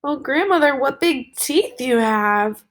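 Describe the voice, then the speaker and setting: A woman voicing a chatty, trusting little girl in a storybook read-aloud, sounding bright and sweet. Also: sits high, animated, slow pace, pitched above the performer's own voice, full character voice. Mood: wondering.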